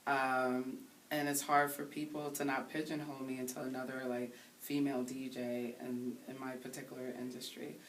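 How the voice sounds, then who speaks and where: Interview guest: woman DJ in her 30s from Haiti, unusually deep voice, earnest and reflective, recorded a little off-mic with light hiss. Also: little pitch movement. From Haiti, raised in the Bronx. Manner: thoughtful, earnest, pausing to find words. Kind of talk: casual interview. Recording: voice somewhat distant from the mic, faint hiss.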